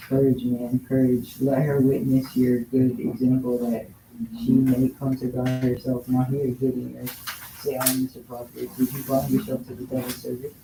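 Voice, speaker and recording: A man reading a stern judge's part aloud in a classroom, in a flat, halting read-aloud manner. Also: medium pitch, natural voice. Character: stern male judge pressing for a confession. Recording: echoey noisy classroom.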